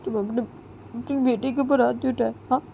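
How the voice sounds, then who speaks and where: A woman's voice: on the high side, steady tone, moderate pace, vocal fry, dark tone, voice pushed up. A hurt, resentful young wife, as a woman storyteller puts her on, pushing back at her mother-in-law. Her voice sits well above the narrator's own, and she repeats each complaint again and again. A faint hiss sits under the voice. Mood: indignant. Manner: indignant, repeats herself.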